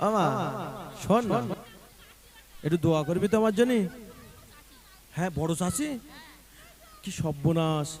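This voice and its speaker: A man's voice: high-pitched, lively intonation, a little slow, pauses often. A man on stage coaxing and teasing the audience affectionately, breaking into devotional song between remarks. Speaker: stage singer and announcer. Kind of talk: live stage banter mixed with devotional singing. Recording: echoey stage sound with music.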